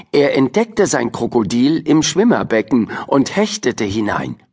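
A man reads a children's story aloud at a slow, unhurried pace. His delivery is lively and full of melody. The tone is husky and a little breathy. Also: medium pitch. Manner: expressive storyteller reading. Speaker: audiobook narrator. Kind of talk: scripted narration of a children's audiobook.

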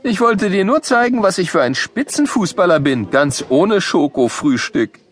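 A man's voice: high voice, animated, normal speed, voice pushed down. A man voicing a cocky prankster schoolboy in a children's audiobook, boastful and teasing.

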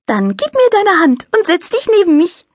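A woman voicing a cheerful little child angel with a delicate, high voice who speaks overly clearly. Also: huge pitch swings, normal speed, dry recording, studio quality, exaggerated voice. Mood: bright, eager.

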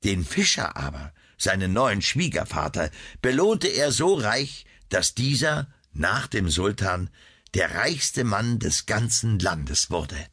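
Slow husky male audiobook narrator. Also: on the low side, big pitch swings, fairly bright tone. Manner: measured, deliberate reading. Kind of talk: scripted narration.

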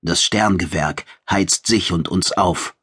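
A proud, terse alien warrior man who speaks in a low, flat way, as a male narrator voices him. The delivery is slow and husky, and the recording is dry and close. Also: dry recording, full character voice. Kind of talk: audiobook character voice.

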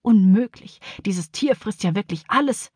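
A woman's voice: medium pitch, lively intonation, normal speed, a little mellow, husky, dry recording, clean studio sound. A woman voicing a flustered, anxious female schoolteacher in a children's audiobook. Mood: brisk. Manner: fussing, alarmed.

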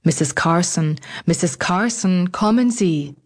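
A woman's voice: fairly low pitch, animated, takes it slowly. A woman voicing an elderly male butler who speaks firmly and matter-of-factly. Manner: firm, matter-of-fact. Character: steady elderly male butler, loyal and calm.

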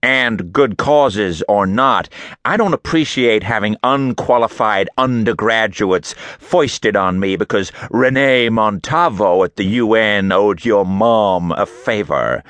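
A man's voice: on the low side, expressive, a little slow, a bit bright, no room sound, voice pushed up, heavily acted. A man voicing a haughty, contemptuous middle-aged archaeologist with a nasal New England accent.

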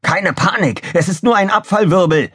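A man voicing a boastful male waste officer who shouts bold orders on a spaceship in a storybook. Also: medium pitch, fairly even intonation, normal speed, dry recording, studio quality, pitched above the performer's own voice, close to an everyday voice.

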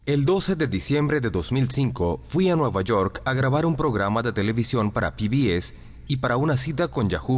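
Man narrating with lively intonation. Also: medium pitch. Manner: expressive storytelling delivery. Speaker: audiobook narrator. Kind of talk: scripted first-person narration. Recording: long reverb on the voice.

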